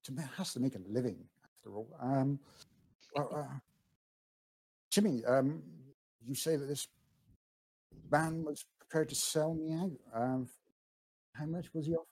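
A man's voice: fairly high pitch, unhurried, pauses often, darkish tone, voice pushed up. A man voicing a sly elderly male sorcerer who talks in a genteel, drawling way.

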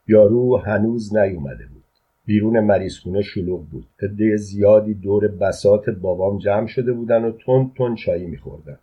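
A man narrating a short story aloud in a calm, conversational storytelling way. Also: lowish voice, husky. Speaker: audiobook narrator. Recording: dull lo-fi recording.

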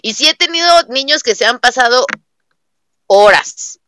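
A woman's voice: on the high side, moderate pace, no echo. A young woman with a Mexican accent, a teacher, talking casually in an interview and acting out the dialogue in her stories. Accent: Mexican Spanish. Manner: animated storyteller, acts out quoted dialogue. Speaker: guest, early childhood teacher.

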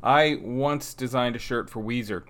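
A man's voice: medium pitch, measured pace, fairly bright tone. A man as a podcast guest in casual comic banter, playful and rambling, repeating phrases insistently.

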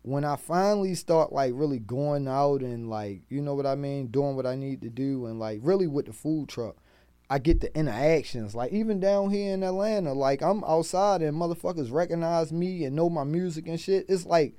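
A man's voice: fairly high pitch, moderate pace, clean tone, no room sound. Streetwise Baltimore man telling stories. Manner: streetwise, profane, animated storyteller. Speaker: guest, rapper and food truck owner. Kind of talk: casual podcast storytelling.

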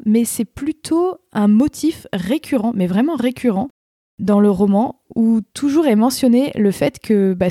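A woman's voice: medium pitch, dark tone, no echo, clean studio sound. A woman hosting a casual book and writing podcast, chatty with frequent hesitations. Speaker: podcast host.

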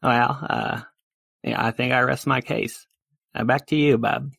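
A man's voice: steady tone, a little slow, gravelly, a bit bright, breathy edge, dry recording, full character voice. A man doing a rambling, crude candidate. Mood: blustering. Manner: rambling, crude campaign pitch. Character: rambling male political candidate, brash. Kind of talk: improv comedy.

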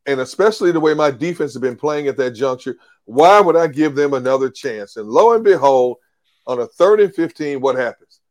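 Male co-host, mid pitch, measured, coach-like reasoning. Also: lively intonation, a little mellow. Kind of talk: casual sports talk.

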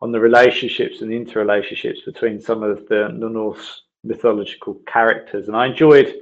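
Guy leaving a voicemail on a landline, low-ish voice, dull lo-fi phone sound, keeps restarting, really keen. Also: fairly even intonation, fairly quick. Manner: enthusiastic, rambling, with many restarts. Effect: heard over a landline phone as a voicemail message. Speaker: gamer leaving a voicemail review. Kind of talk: casual spoken game impressions.

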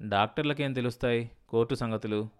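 A man's voice: mid-range voice, fairly quick, clear, resonant tone, lightly acted. A man voicing a bitter, ruined middle-aged landowner who talks curtly and mockingly to his wife. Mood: sulky. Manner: curt and mocking.

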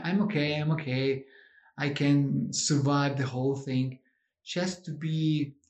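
Argentine-accented man speaking in an echoey room. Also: a little high. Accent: Argentine Spanish. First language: Spanish. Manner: halting, simple phrasing in second-language English. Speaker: conference speaker. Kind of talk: informal conference talk, personal account.

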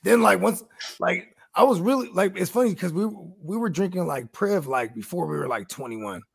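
A man in his thirties with a gravelly, husky voice, rambling through stories in casual chat as a co-host, full of "you know what I mean.". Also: high voice, expressive, normal speed. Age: 30s. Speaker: podcast co-host.

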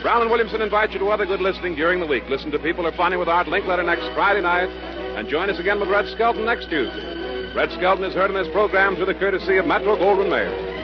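A man's voice: sits high, lively intonation, fast talker. An American man in the formal, declamatory manner of an old radio announcer, reading a scripted broadcast. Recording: muffled 1940s radio recording, music behind.

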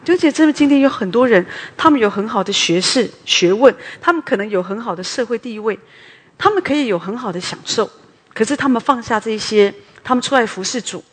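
A middle-aged woman giving a personal testimony sermon at a prayer meeting, chatty and often ending phrases with a soft "ha". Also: on the high side, animated, fairly quick, husky. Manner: conversational, tags sentences with a soft "ha". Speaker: preacher at a women's morning prayer meeting. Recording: long hall reverb.

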